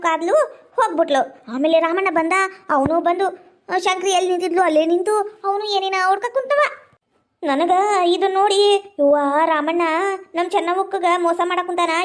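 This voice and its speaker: Woman playing a melodramatic village gossip. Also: very high-pitched. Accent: North Karnataka Kannada. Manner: drawn-out, dramatic storytelling. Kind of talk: comedy skit acting.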